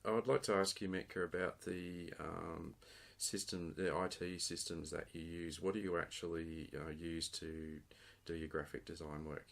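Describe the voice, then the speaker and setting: Deep-voiced host with many uhs. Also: male voice, flat delivery, normal speed, vocal fry, few pauses, a bit bright. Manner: frequent uhs, repeats words. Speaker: podcast host, interviewer. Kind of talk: casual interview.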